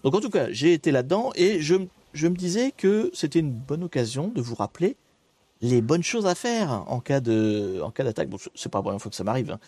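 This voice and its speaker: A man's voice: medium pitch, sing-song, brisk, darkish tone, breathy edge, dry recording. A man hosting a casual live stream, chatting to viewers with frequent hesitations and restarts.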